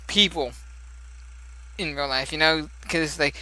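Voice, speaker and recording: A man's voice: fairly high pitch, takes it slowly, pushed and bright, low-quality recording. A young man commentating as he plays a story game, chatty and musing aloud with frequent laughs. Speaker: let's play gamer.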